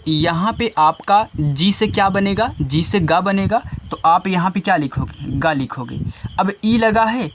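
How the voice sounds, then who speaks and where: A man teaches young children a reading lesson in a patient, step-by-step way, asking a question and then answering it. His voice sits a little higher than most men's. Faint insect and cricket sounds run underneath the recording. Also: background noise.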